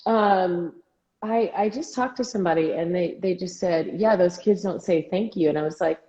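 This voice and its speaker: A woman's voice: on the low side, moderate pace, warm tone, lo-fi sound. Emphatic woman co-host, echoey room. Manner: emphatic, opinionated, acts out quoted voices. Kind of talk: casual chat.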